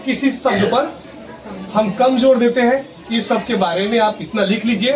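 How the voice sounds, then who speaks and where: With a crowd audible behind him, a male teacher speaks at normal speed in an extremely high voice during a classroom grammar lesson. He goes step by step, asks and answers his own questions, and spells each word letter by letter. The recording is distant and carries clear background noise.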